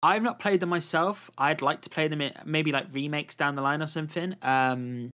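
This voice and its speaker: A man's voice: a little high, normal speed, sharp tone. A man hosting a casual podcast chat, rambling with lots of fillers and a habit of saying "to be honest". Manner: chatty, many fillers, "to be honest". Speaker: podcast host.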